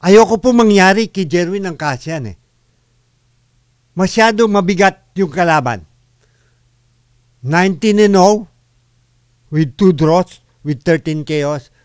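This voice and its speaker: A Filipino man hosting a radio boxing program, mixing Tagalog and English with frequent filler pauses as he interviews a boxer. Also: sits high, clear, resonant tone, dry recording, studio quality. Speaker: radio boxing show host.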